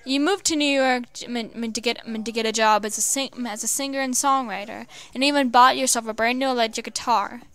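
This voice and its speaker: A woman reading fan fiction aloud, halting with many stumbles and restarts. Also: fairly high pitch, steady tone, fairly bright tone, clean tone. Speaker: storyteller.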